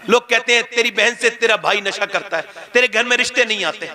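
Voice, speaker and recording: A man's voice: sits high, a little fast, bright, forceful tone. A male preacher giving a sermon, telling a story in an emotional, dramatic way.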